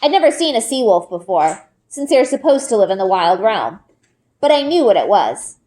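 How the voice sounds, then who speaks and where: Like a teacher, a woman with a medium-pitched voice reads a children's book aloud. She tells the story with expressive emphasis and dramatic pauses.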